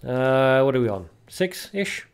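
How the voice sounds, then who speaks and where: A man's voice: mid-range voice, sing-song, measured pace, clear, resonant tone. A young man hosting a casual card-game livestream, chatting with viewers and reading card names aloud as he opens packs. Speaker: livestream host.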